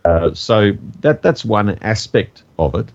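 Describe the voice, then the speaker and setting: A man co-hosting a podcast, talking in a measured, hesitant way with many pauses. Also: fairly low pitch, sing-song, creaky, dull audio. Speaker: podcast co-host. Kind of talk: casual chat.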